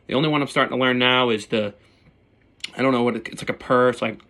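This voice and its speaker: Bright-voiced man in casual gear demo. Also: medium pitch, steady tone, quick pace. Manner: informal, blunt, mildly sweary slang. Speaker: turkey hunter presenting his calls. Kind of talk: casual hands-on gear demonstration.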